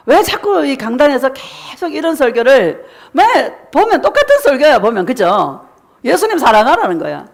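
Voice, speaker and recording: Lively-voiced woman pastor preaching. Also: on the high side. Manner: preaching with rhetorical questions and call-and-response; acts out voices of congregants in quoted prayers. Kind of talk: sermon.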